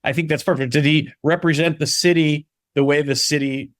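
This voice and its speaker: A man from the Chicago area, a playwright and solo performer, chatting in an interview in a quick, animated way with lots of restarts. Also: on the high side, no room sound, studio quality. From Chicago area (Barrington). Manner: animated, quick, many restarts and "you know"s. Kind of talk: casual interview conversation.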